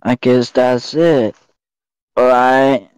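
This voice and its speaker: Laid-back man teasing slowly. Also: mid-range voice, fairly even intonation, a little mellow, clear, resonant tone, no echo. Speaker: friend watching the game. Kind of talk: casual chat.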